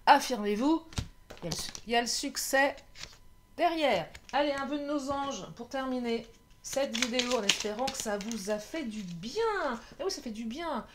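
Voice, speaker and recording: A woman's voice: high voice, animated, moderate pace, background noise. Chatty woman reading tarot. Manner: chatty, laughing often, self-mocking. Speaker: tarot card reader.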